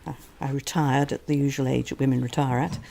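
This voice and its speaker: A woman in her sixties with a low voice, chatting casually in a dry, understated way. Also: fairly even intonation, quick pace, vocal fry. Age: 60s. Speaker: chorus bass singer interviewed, retired doctor. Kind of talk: casual chat. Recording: crowd chatter behind.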